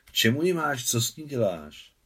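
A man reading an audiobook voices a gentle, forgetful old man who coaxes with patient questions. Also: mid-range voice, sing-song, breathy edge, pitched above the performer's own voice, full character voice. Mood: coaxing. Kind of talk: audiobook dialogue.

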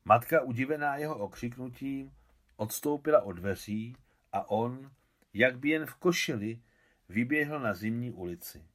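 A man reading his own translation of a novel aloud, measured and expressive. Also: medium pitch. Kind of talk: literary reading.

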